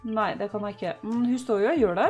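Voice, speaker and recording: A young woman from Norway chatting casually through a life-sim game, cheering her sim on loudly at times. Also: medium pitch, highs cut off. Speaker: gaming YouTuber. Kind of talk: casual let's-play commentary. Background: faint game music.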